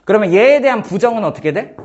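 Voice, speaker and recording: Man, math tutor, casual lesson, high lively voice, slightly dull lo-fi sound. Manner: quizzing a student with quick questions, joking.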